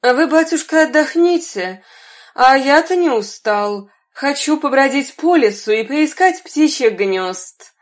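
A woman voicing a bold, quick-witted young man who talks brisk, cheeky and raised. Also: sits high, expressive.

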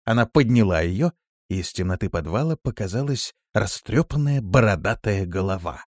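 A man narrating an audiobook in a measured, expressive reading style. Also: fairly low pitch, dry recording, studio quality. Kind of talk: scripted narration.

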